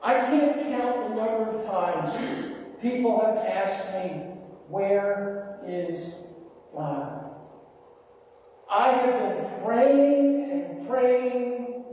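Older man preaching slowly in echoey church. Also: dark tone, a little hiss or hum. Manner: slow and deliberate, rising for emphasis and dropping low at line ends. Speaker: pastor. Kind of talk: sermon. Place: church sanctuary, at the pulpit. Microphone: far camera in the sanctuary. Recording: echoey sanctuary from far off.

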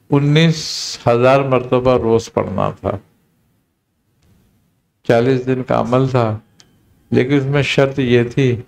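A man, a spiritual teacher, telling a story in a relaxed conversational talk and acting out the quoted dialogue. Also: medium pitch, gravelly. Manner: unhurried, recounting with quoted dialogue.

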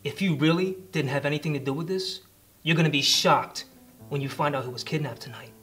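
A man's voice: fairly high pitch, a little fast, fairly bright tone, natural voice. Guy acting tough cop detective, sarcastic n blunt, grilling someone in a crime drama, bit of music behind. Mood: hard, accusing. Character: tough, sardonic male police detective interrogating a witness. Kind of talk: naturalistic screen acting, interrogation scene.

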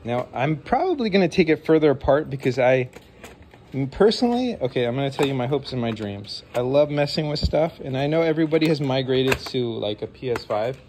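At his home desk, an enthusiastic man in his forties with a sniffly nose pulls apart a game console for his vlog, chatting casually with rambling, apologetic asides. He talks briskly and expressively at medium pitch over background noise.

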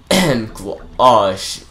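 A young man talks through his gameplay in a loose, rambling, chatty way, stumbling through fillers. His pitch jumps around in lively swings. Faint game music plays behind him. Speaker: let's play commentator. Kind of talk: casual gameplay commentary.

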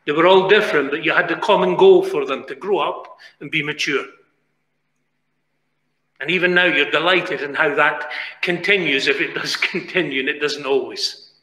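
A British man preaching a sermon in a chapel, pleading earnestly, moving from quiet asides to raised, emphatic lines. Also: fairly high pitch, moderate pace. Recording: echoey chapel with long reverb.

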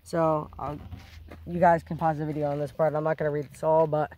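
A man's voice: a little high, flat delivery, brisk, a little mellow, muffled recording. A man vlogging on a rural hiking trail, casually narrating and reading historical plaques aloud, stumbling and correcting himself as he goes. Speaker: vlogger exploring a historic site.

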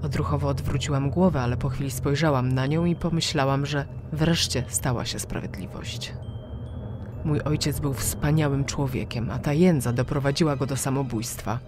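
A woman narrating a first-person audiobook in a slow, emotional, intimate manner. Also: extremely low pitch, background noise.

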